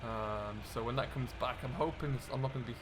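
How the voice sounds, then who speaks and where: A fast talker at medium pitch, the British host plays a farm contractor in a farming game role-play. He chats and thinks out loud in easygoing commentary as he works, with vehicle and surrounding noise clearly present.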